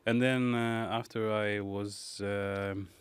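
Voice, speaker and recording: Male podcast guest, low voice, smooth and clear, dry close sound; hesitant, reflective delivery. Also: little pitch movement, dry recording. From Morocco. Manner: thoughtful, halting, many fillers. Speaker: guest, pastry chef. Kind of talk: casual interview.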